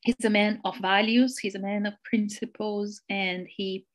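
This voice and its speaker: A woman in her forties with a Brazilian Portuguese accent, telling her life story as a podcast guest in an earnest, measured way. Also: mid-range voice, steady tone. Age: 40s. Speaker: executive coach, podcast guest.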